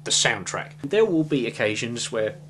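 A man's voice: mid-range voice, very animated, moderate pace, fairly bright tone, a little hiss or hum. Young man reviewing films at a webcam. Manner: rambling, hedging with fillers, gesturing. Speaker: film reviewer. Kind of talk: casual film review to camera. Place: small room with shelves of films, indoors. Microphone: webcam at desk.

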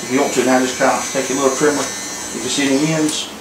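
A middle-aged man, a master barber calmly coaching a student barber in a small shop, repeating short instructions. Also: medium pitch, fast, background noise. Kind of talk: casual coaching. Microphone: camera on tripod across the room. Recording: echoey room with loud clipper buzz.

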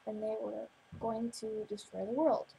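A teenage girl co-hosting a casual vlog, speaking in short, low-key remarks. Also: little pitch movement, moderate pace, vocal fry, mellow, slight background noise, low-quality recording. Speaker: vlog co-host. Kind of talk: casual chat.

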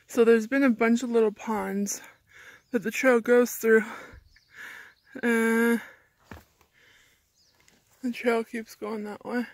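A woman's voice: a little high, steady tone, slow, pauses often, a little mellow, dry recording, poor audio. A young woman filming herself while hiking through the forest, chatting casually and a little tired, with a phone held at arm's length outdoors. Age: young adult. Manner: chatty, rambling, laughs often, talks while walking. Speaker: thru-hiker vlogger. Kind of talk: casual trail vlog. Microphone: phone camera held at arm's length.

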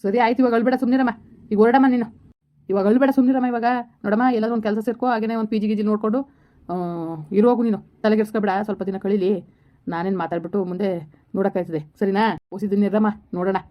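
Brief: a fatherly police officer, firm but soothing and quick-spoken, played by a woman, lo-fi sound. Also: medium pitch, steady tone, close to an everyday voice. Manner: reassuring, fatherly, rapid. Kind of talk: village family drama. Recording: dull lo-fi recording.

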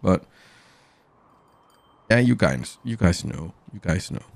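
A man's voice: low voice, lively intonation, slow, vocal fry, no room sound. A man rambling chattily to his viewers during a casual live game stream, speaking into a studio mic through a mixer. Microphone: studio mic through an audio mixer.

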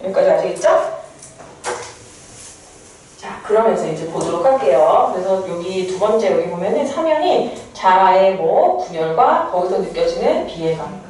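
A woman teaching a poem in a chatty, playful lecture, firing quick questions at her students. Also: fairly low pitch, animated, a little mellow, slight background noise. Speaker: Korean literature teacher. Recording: echoey room heard from a distance.

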